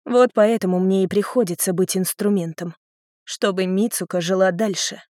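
A woman voicing a quiet, gloomy teenage boy. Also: mid-range voice, steady tone, normal speed, no echo, clean studio sound, lightly acted. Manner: soft, subdued.

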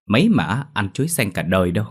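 A man's voice: fairly low pitch, big pitch swings, quick pace, slightly rough. A man voicing a stern young male exorcist who talks in a brusque, commanding way, in a spoken ghost story.

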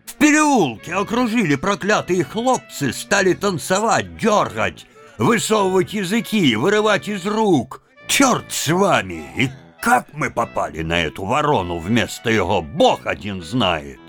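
A man's voice: a little high, big pitch swings, measured pace, fairly bright tone, faint music behind, voice pushed up, exaggerated voice. A man voicing frightened village constables who plead and excuse themselves in a storybook reading. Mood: agitated pleading.

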